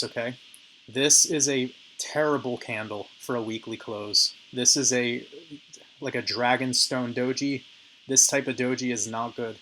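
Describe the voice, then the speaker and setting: Male crypto commentator, hoarse and raspy, sharp bright tone, casual chart walkthrough. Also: medium pitch, a little hiss or hum. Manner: casual, addresses viewers as you guys. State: hoarse, raspy voice from talking a lot.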